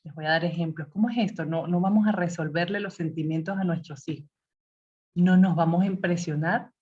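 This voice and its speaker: A woman giving a calm, advising talk to parents, sometimes acting out what a parent might say to a teenager. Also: lowish voice, fairly quick. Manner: calm, advising, acts out parent-child dialogue. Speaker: parenting speaker. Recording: dull lo-fi audio.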